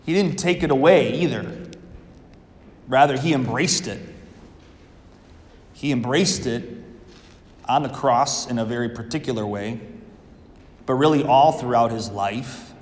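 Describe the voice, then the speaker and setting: A man serving as priest, reading the Gospel and preaching a homily in a slow, measured, earnest way, his voice ringing through a large church. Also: medium pitch. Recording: long echoing church reverb.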